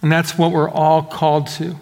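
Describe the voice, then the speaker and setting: A middle-aged man delivers a sermon in a fairly high voice, slightly muffled as he speaks through a face mask. He is earnest and emphatic, moving between raised exhortation and quieter explanation, and his words ring with the long reverb of a large hall. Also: monotone, moderate pace, creaky. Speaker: pastor preaching to a congregation.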